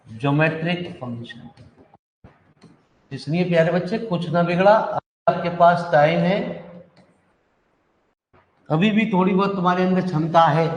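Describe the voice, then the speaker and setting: A male math teacher, lecturing in a chatty way and calling the students "dear children". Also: sits high. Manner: chatty, calls students "dear children", mixes English terms. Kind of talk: classroom lecture. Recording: echoey, dull classroom recording.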